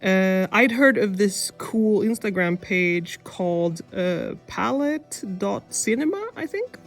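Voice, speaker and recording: A woman's voice: mid-range voice, animated, takes it slowly. Casual, self-deprecating woman vlogger over music. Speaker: animation student vlogger. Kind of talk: casual devlog voice-over narration. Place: under a blanket indoors, processed in editing. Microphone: older camera used as mic.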